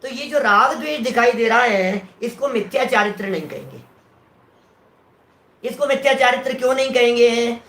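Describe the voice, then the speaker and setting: A man's voice: extremely high pitch, expressive, normal speed, pushed and bright. A man giving a religious scripture lecture in an explanatory way, often checking that his listeners are following. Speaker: scripture teacher. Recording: roomy echo.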